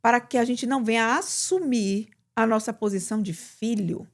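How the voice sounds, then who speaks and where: A woman pastor with a Brazilian Portuguese accent, preaching in conversation with emphatic, animated delivery. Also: on the high side, normal speed. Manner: animated, bursts into emphatic quoted prayers.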